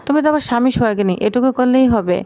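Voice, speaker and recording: A domineering, sneering mother-in-law from a family serial, dripping sarcasm, as a woman narrator reads her. Her voice is fairly high and stays near the narrator's own. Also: quick pace, darkish tone, no echo, close to an everyday voice. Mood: mocking. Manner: mocking, sarcastic.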